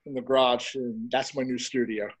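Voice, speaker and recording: A middle-aged man chatting casually as an interview guest, rambling a little and pausing as he goes. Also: mid-range voice, level tone, breathy edge, low-quality recording. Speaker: interview guest, horror host and film reviewer.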